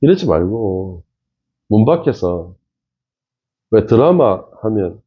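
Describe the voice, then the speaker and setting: A man with a low, husky voice comments on a TV show in a casual way and speaks straight to his viewers. His pitch swings widely as he makes his points with emphasis. The recording sounds dull and lo-fi. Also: big pitch swings, slow pace. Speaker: face-reading commentator.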